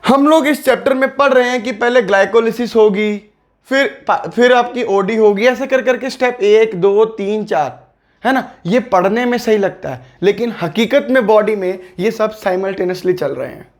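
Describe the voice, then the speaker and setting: Speaking at a normal speed in a high voice, a young male tutor coaches students through biology for their exams. His tone is warm and encouraging, and he drills key terms while asking and answering his own questions.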